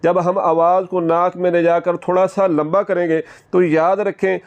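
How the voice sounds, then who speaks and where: A man's voice: high-pitched, flat delivery. A man teaching Quran recitation step by step, patiently repeating and drawing out model sounds. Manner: patient, repetitive, drawn-out model syllables. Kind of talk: step-by-step pronunciation lesson.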